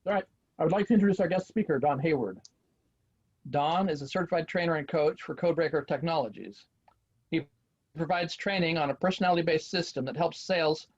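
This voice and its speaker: Man haltingly reading, on dull call audio. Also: on the high side. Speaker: workshop participant, sales trainer. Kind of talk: halting rehearsed introduction. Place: video call.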